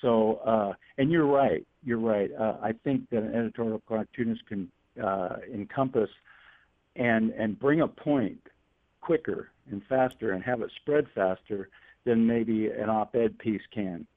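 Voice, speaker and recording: A middle-aged man from Northern California, a guest cartoonist on a radio interview over the phone, who talks haltingly with many fillers and restarts. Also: fairly low pitch, no echo. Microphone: telephone. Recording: tinny phone line.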